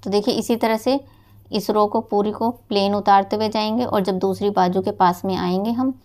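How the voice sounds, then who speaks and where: A woman's voice: medium pitch, fairly even intonation, normal speed, a little mellow. A woman patiently giving a step-by-step knitting tutorial, explaining each stitch and speaking directly to her viewers as friends. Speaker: knitting teacher.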